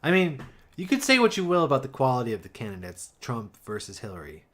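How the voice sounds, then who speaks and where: A man's voice: mid-range voice, huge pitch swings, fast talker, a bit bright. A man co-hosting a podcast, chatting about politics in a wry, teasing way and hedging with 'I mean'. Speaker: podcast co-host. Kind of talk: casual political chat.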